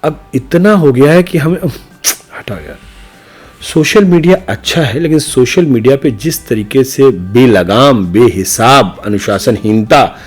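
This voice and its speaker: This middle-aged man, a senior news journalist, answers podcast questions reflectively and with strong opinions, using emphatic, repetitive rhetoric. His mid-range voice is expressive and slightly rough, at a measured pace. Soft music runs in the background.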